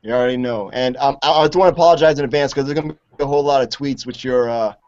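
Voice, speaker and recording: A man hosting a college radio interview, relaxed and joking, always saying "you know what I'm saying". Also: mid-range voice, very fast. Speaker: radio show host. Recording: dull lo-fi radio recording.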